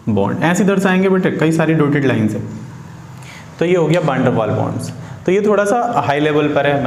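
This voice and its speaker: A man with a slightly high, somewhat mellow voice teaches students an informal chemistry lesson, repeating phrases and tossing them rhetorical questions. The room is echoey, with faint background noise.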